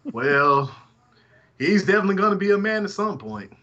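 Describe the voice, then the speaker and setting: A man's voice: high-pitched, big pitch swings, moderate pace, bright, forceful tone, dull audio. A man from Alabama co-hosting a casual fan podcast, with crude, teasing banter. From Alabama, United States. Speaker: podcast co-host. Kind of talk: casual fan podcast chat, reading listener messages.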